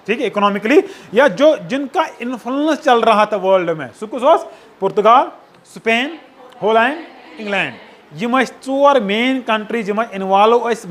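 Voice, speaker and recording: A man from Kashmir delivers a sociology lecture in a classroom, his voice very high and a bit bright. He keeps checking that students follow with repeated tag questions and mixes English phrases into his speech.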